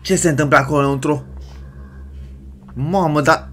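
A man hosting a reaction video, giving casual, excitable commentary with jokes and exclamations. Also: on the high side.

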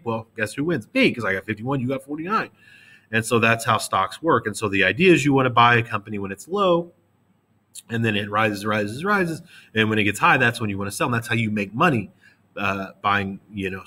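A man in his late thirties or forties gives a relaxed classroom lecture, talking to his students conversationally. His voice sits slightly low but carries a bright, forceful edge. He slips into quick acted-out examples to make his points. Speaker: middle school history teacher.

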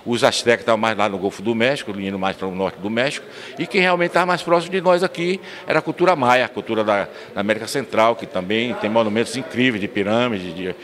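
Speaking fast in a lowish voice with a fairly bright tone, an older man from São Miguel das Matas in Bahia, Brazil, earnestly tells local history. He is an expansive storyteller who restarts words, appearing as a guest in a recorded interview indoors at the municipal council chamber, using a handheld mic that the interviewer holds.

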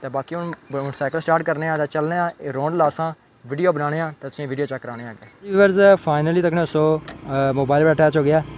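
A man's voice: fairly high pitch, fast. A young man casually showing how to fit a phone mount to a helmet, rambling and repeating himself, recorded outdoors on a phone. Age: young adult. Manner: rambling, repeats "thik ai" and "check karne aan". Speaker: motovlogger. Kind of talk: casual unboxing and setup demo. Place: outdoors on a rooftop, then a roadside.

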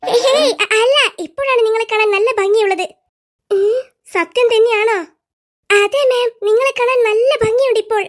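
Squeaky schoolkid characters in an animated comedy are voiced by a cartoon voice actor. They squabble, swapping fast teasing jabs.

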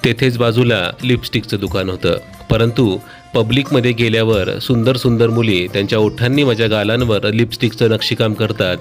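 Brief: low-voiced man, dry deadpan humor, travel vlog narration over soft music. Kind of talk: scripted comic voice-over narration.

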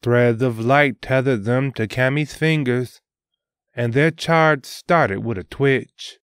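A man hosting and narrating a scripted adventure story in a measured, deliberate reading. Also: medium pitch, smooth, no room sound, clean studio sound. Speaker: host and storyteller.

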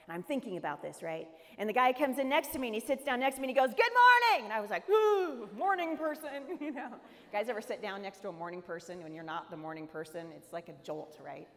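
A woman's voice: fairly low pitch, fast, hardly any pauses. A middle-aged American woman giving a humorous storytelling sermon, acting out the people in her story. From United States. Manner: animated, humorous storytelling with character voices. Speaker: speaker. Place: large event hall. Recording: echoey hall reverb.

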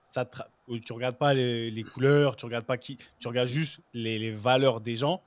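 Man, guest ex-footballer, casual storytelling, frequent fillers, mid pitch, dry close sound. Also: moderate pace, no echo. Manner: lively anecdotes, "tu vois" fillers, bits of English. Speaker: guest, former pro footballer.

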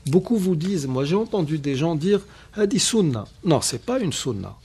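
A man, hosting a radio discussion on Islam and explaining points in a measured, emphatic way. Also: a little high, very animated, dark tone, husky. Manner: measured, emphatic, firm rebuttals, many repetitions. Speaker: radio show host on Islam.

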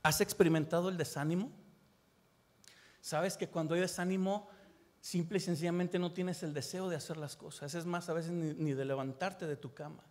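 High-voiced preacher in a reverberant hall. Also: male voice, fairly even intonation, moderate pace, darkish tone. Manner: impassioned, repeats phrases, asks the listener direct questions. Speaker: pastor. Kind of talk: sermon. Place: church. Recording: long reverb in a large hall.

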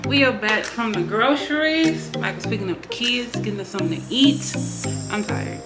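A young woman vlogging casually in her kitchen, sounding tired and talking low and soft as she goes through her groceries. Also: expressive, normal speed. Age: young adult. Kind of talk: casual vlog narration. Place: home kitchen indoors. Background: background music.

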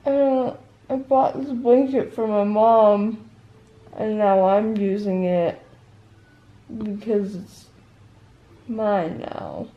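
A woman's voice: medium pitch, steady tone, slow pace, long pauses, dull audio. A young woman, groggy and loopy from sedation, rambling casually with a mouth just out of surgery. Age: young adult. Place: living room at home, on a couch. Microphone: handheld camera a short distance away.

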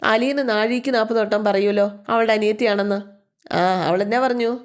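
A woman voicing a quarrelsome elderly mother who scolds in a shrill, aggrieved way while retelling a serial. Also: normal speed, natural voice.

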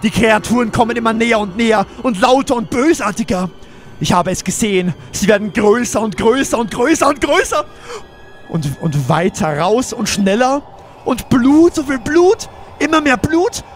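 A man's voice: extremely high pitch, lively intonation, normal speed, soft background music. A man voicing a despairing man lost in a maze, reading out his diary with broken, repeating, pleading phrases.

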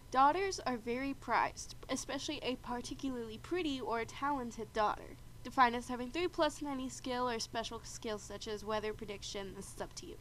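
The audio is poor and a steady noise runs underneath as a woman hosts a video game in a fairly high, stuffy voice after a bad cold. She keeps clearing her throat while casually narrating the gameplay and explaining how the rules work.

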